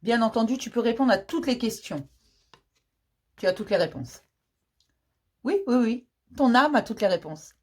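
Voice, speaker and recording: A woman medium with a slightly high, mellow, husky voice reads tarot at a moderate, expressive pace, pausing often. She is warm and reassuring, calling the listener "mon petit chéri", and her chatty talk is full of fillers and repeats.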